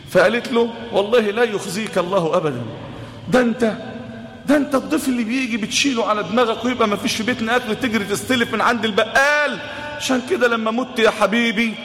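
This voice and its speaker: A man with an Egyptian Arabic accent preaching a sermon, telling a story with lively rhetorical questions to the audience. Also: very high voice, a little hiss or hum. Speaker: imam and preacher. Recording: echoey hall with long reverb.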